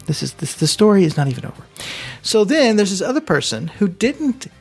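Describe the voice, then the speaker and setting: A high, sing-song, slightly rough voice belongs to this podcast co-host, who talks fairly quickly while telling a long, meandering story peppered with asides and self-corrections. He uses a studio mic connected to a computer, with soft music in the background.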